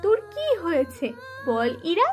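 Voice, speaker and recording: A woman's voice: extremely high pitch, wildly swooping pitch, unhurried, soft background music, heavily acted. A woman voicing a protective, defiant young woman friend in an audio drama, asking pointed, challenging questions.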